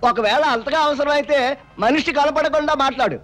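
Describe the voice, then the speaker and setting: A proud, protective butcher brother in a movie, his voice very high as he lectures and bosses in a stream of instructions, with film music clearly behind him. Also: fairly quick, a bit bright. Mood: bossy. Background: film score.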